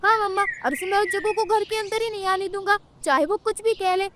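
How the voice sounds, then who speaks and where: Brief: woman playing a young sparrow boy, very high voice. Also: fairly even intonation, a little fast, fairly bright tone, a little hiss or hum. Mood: firm. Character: small boy sparrow, firm and loyal.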